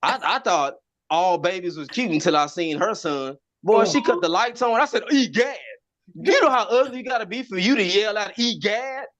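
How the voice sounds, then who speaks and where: A man doing a stand-up set, telling animated stories and often repeating his words as he stammers. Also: sits high, fairly quick. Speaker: stand-up comedian.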